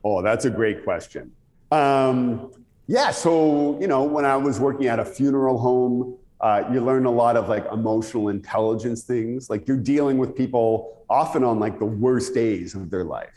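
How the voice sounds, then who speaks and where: This is a Canadian man from Ontario, middle-aged, sharing anecdotes in an interview with a radio-like delivery. He speaks in a mid-range voice at a moderate pace, his tone a bit dark, and the recording carries a long, echoing reverb.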